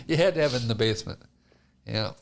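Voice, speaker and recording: Older male host in his 60s, easygoing storyteller, lively swinging pitch, mid-height voice. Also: fast talker, creaky, slight background noise. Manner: easygoing, self-deprecating storyteller who laughs easily. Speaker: podcast host. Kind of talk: casual conversation.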